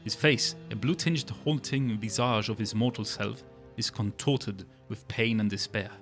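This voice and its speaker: A man's voice: lowish voice, unhurried, a bit bright, soft background music. A man narrating a tabletop fantasy game as game master, with descriptive storytelling.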